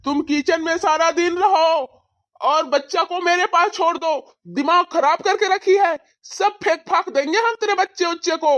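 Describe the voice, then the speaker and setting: A woman's voice: extremely high pitch, moderate pace. Woman voicing an angry bullying husband. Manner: shouting, harsh. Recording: dull lo-fi sound.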